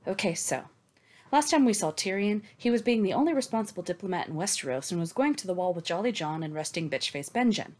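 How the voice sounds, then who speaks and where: A fast-talking woman with a medium-pitched, a little mellow voice co-hosts a book discussion, sounding animated. Her recaps are sarcastic, emphatic, casual and sweary, and they come across as scripted.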